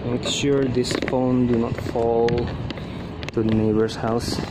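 A man with a mid-range voice and little pitch movement speaks slowly as he casually narrates a task to himself, mostly in short mutters and exclamations. The vlog is recorded outdoors on a tiled home balcony, where clear ambient noise and passing vehicles can be heard.

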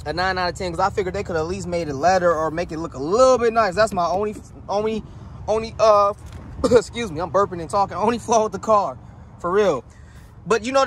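Man, high voice, casual slangy car review, talks to viewers, outdoors on a phone, wind noise on the mic. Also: a bit bright, poor audio. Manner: slangy, loose and profane, addresses viewers directly. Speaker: car vlogger. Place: outdoors beside a parked car.

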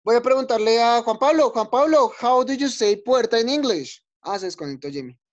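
A male teacher leading an online class for young children. He is patient and encouraging, repeating each word slowly and checking in often. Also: very high voice, lively intonation. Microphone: video call. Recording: dull lo-fi video call audio.

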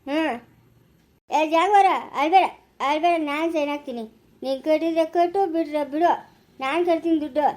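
A woman's voice: high voice, brisk, pauses often, a little mellow, natural voice. A woman playing a quarrelsome, indignant village man in a family skit, in a rural Chikkaballapura Kannada accent, scolding and ranting and repeating herself.

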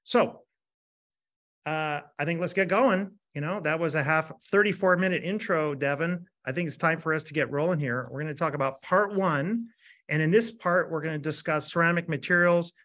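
A man in his fifties gives an energetic webinar lecture as a dentist. His voice sits fairly high and he keeps checking in with the listeners by asking "right?". He sounds animated throughout. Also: moderate pace. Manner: animated, asks rhetorical "right?" often.

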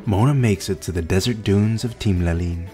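A man reading scripted audio description in a plain, measured, matter-of-fact way. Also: low-pitched, mellow. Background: music.

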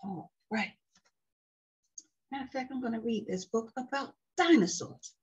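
A woman leading a slow, sing-song circle time lesson for small children, coaxing them to repeat words. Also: fairly high pitch, husky. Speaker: preschool teacher. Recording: dull lo-fi sound with faint music.

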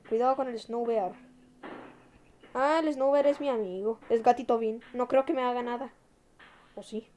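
A woman giving excitable, chatty gameplay commentary, pleading and shouting at the screen while talking to viewers. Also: on the high side, a little hiss or hum. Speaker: gamer playing online.

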